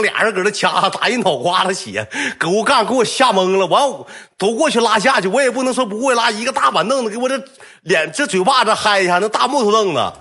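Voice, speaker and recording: Male storyteller, Northeastern Chinese accent, rambling and profane, slightly higher voice. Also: bright, forceful tone. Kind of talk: comic anecdote storytelling.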